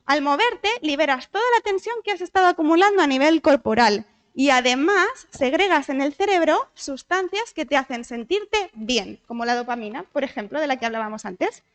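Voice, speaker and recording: Her voice is high and her pace moderate as she addresses a church hall. A psychologist from Spain with a matching accent, she talks in a lively, conversational way, regularly asking the audience things and ending lines with tag questions.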